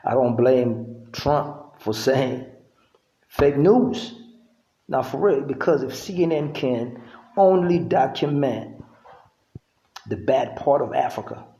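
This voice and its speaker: Middle-aged man, unhurried vlog monologue with a dark, mellow tone, recorded in an echoey room. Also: medium pitch. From Uganda. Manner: laid-back, conversational, with frequent "you know what I'm saying". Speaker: vlogger. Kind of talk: casual monologue to camera.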